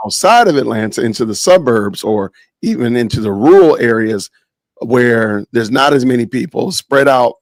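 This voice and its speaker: A man's voice: medium pitch, expressive, normal speed, no echo. A man hosting a live stream podcast, casual and joking, often saying "man" and "y'all", talking over a video call. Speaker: podcast host.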